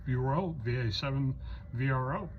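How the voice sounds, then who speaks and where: On muffled, lo-fi audio with noticeable noise, a man with a mid-range voice calls stations at normal speed during a ham radio roll call. As net controller, he uses informal procedural patter and hesitates a little.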